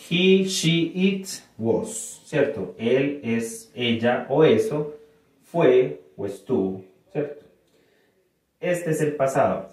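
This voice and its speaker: A male English teacher with a Colombian Spanish accent, explaining a lesson slowly and checking that his students follow. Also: mid-range voice, a little mellow. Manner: slow, explanatory, switches between two languages, often checks understanding. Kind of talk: classroom video lesson. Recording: very echoey room, mic far off.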